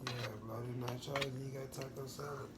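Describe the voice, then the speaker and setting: A man's voice: mid-range voice, level tone, normal speed. A tired young man chatting loosely as co-host at home. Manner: laid-back, sleepy, loose talk. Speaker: boyfriend and co-host. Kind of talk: casual chat. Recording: noisy roomy sound, off mic.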